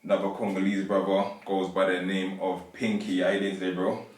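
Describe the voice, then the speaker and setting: A man's voice: low-pitched, level tone, fairly quick, a little mellow. A man hosting a podcast and asking his guest easygoing questions. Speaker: podcast host. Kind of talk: casual interview chat. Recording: echoey room, mic at a distance.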